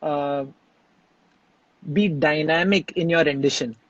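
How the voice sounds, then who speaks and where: A man, a singer speaking as an interview guest in a relaxed conversation, reflective and halting, often restarting his sentences. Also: a little high, no room sound, dull audio.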